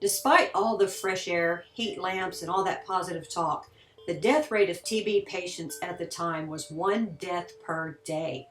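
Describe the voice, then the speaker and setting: A woman's voice: fairly low pitch, a little slow, fairly bright tone, far from the mic, faint music behind. Kentucky woman guiding a tour in an echoing hall. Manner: conversational, explanatory. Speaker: tour guide. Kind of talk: on-site tour narration. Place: large empty historic building, indoors.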